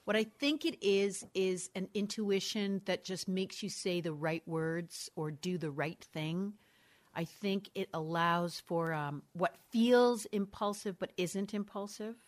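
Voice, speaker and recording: Speaking at a measured pace in a medium pitch, a middle-aged mother of three opens up as an interview guest. Her talk is reflective and conversational, candid and considered, with many restarted sentences, self-corrections and laughs.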